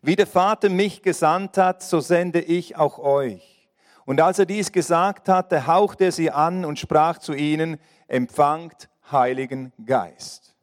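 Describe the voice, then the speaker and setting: Brief: male preacher, high voice, sermon, dramatic loud-soft storytelling, long reverb. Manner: storytelling, swinging between loud stresses and near-whispers.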